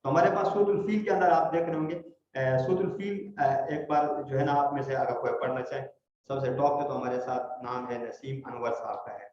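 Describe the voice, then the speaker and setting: A man's voice: medium pitch, steady tone, a little mellow. A man teaching a Quran recitation class online, patient and explaining step by step. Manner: patient, explains step by step, checks understanding often. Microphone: online video call. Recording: echoey, muffled online call audio.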